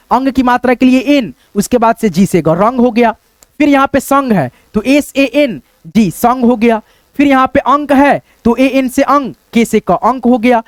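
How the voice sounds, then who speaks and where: High-voiced man teaching, very dry sound. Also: no room sound. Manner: repeats "friends" and tag questions, spells out letters slowly. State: sweating. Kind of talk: whiteboard lesson.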